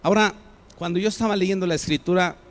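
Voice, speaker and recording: A man's voice: sits high, quick pace, in a large hall. A man with a Mexican Spanish accent, preaching a sermon as pastor and acting out example phrases with changing tones. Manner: acts out example phrases with shifting tone. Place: church hall.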